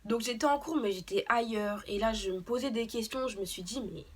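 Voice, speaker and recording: Young woman vlogger, storytime to camera, halting delivery with lots of fillers, a touch high-pitched. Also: slightly rough. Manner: hesitant, many fillers and restarts. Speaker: beauty vlogger. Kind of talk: unscripted storytime.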